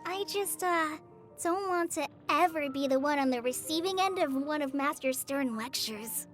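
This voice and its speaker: A high-pitched, slightly bright woman's voice at normal speed, with music in the background. An actress voices a shy, earnest teenage girl training as a forest ranger in a video game, hesitant and easily flustered. Her lines come out stammering and apologetic.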